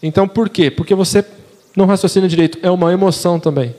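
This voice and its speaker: Speaking fast in a high-pitched, dark-toned voice, this young Brazilian Portuguese-accented preacher keeps his sermon casual. The church hall gives a big-room sound as he uses slang, talks with the congregation, and puts questions to them.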